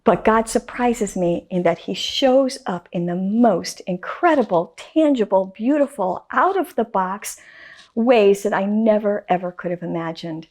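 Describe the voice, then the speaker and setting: A woman guest artist talking casually in a faith interview, telling a story with animated emphasis and repeated phrases. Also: mid-range voice, a little slow.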